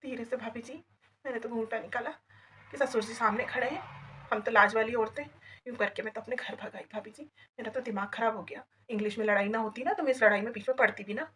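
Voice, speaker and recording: Fast-talking gossipy village woman. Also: a little high, a little hiss or hum, rough recording. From Rajasthan. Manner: gossipy, animated village storyteller. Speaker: comedy vlogger. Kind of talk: comic monologue addressed to a neighbour.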